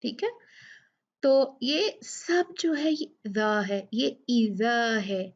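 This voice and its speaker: A woman teaching a tajweed pronunciation lesson, repeating each sound and word slowly for practice. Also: on the high side, expressive, muffled recording. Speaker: Quran recitation teacher.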